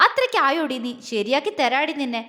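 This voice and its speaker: A woman's voice: sits high, sing-song, a little fast, bright, forceful tone, exaggerated voice. A woman voicing a teasing, affectionate young husband with a mock-angry manner. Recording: long hall reverb.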